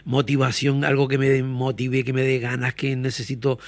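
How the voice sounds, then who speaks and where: A man's voice: medium pitch, completely flat delivery, moderate pace, no room sound. A man hosting a radio interview, asking chatty questions full of fillers. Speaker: radio host. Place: radio studio.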